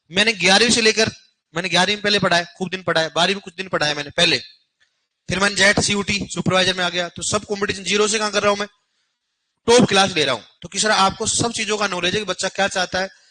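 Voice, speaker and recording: A man's voice: high-pitched, bright, forceful tone, low-quality recording. A young man teaching an agriculture coaching class, blunt and scolding with his students.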